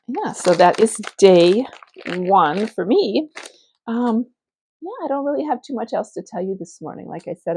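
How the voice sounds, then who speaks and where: Gravelly-voiced woman on a phone video. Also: fairly low pitch, mellow, no echo. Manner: chatty and meandering, thinking aloud. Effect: recorded as a phone video. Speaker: knitting vlogger. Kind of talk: casual morning vlog chat. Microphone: phone camera.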